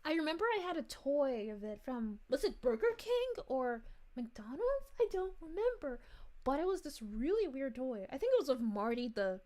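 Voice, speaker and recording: A woman's voice: sits high, big pitch swings, normal speed, a little mellow. A woman voicing a sweet, bubbly young princess, reading chat live in character and giggling often. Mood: chatty. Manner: giggly, gushing, chatty.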